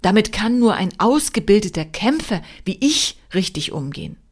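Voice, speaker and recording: A woman's voice: mid-range voice, very animated, moderate pace, slightly rough. A woman voicing a self-important army general in a read-aloud folk tale, commanding and boastful. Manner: bellowing, commanding.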